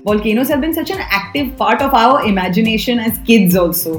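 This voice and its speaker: High-voiced Indian-accented woman, chatty co-host. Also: animated, fast, reverberant, faint music behind. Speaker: podcast co-host. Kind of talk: casual chat.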